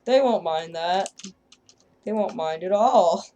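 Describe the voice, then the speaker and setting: A woman casually commenting on her own strategy gameplay, joking and sarcastic, often trailing off quietly at line ends. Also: lowish voice, slow, highs cut off. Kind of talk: casual let's-play commentary.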